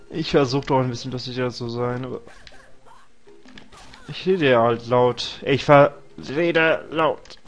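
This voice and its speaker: Slow and full of long pauses, this medium-pitched young man rambles and cracks jokes to himself as he commentates a video game, clearly suffering from a cold. He's a let's play host, with faint music playing behind him.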